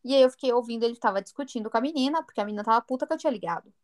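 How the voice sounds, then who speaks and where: Woman, Brazilian accent, casual storytelling, animated quoting, quick pace. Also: fairly high pitch. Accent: Brazilian Portuguese. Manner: animated, acts out quoted dialogue. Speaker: storyteller guest.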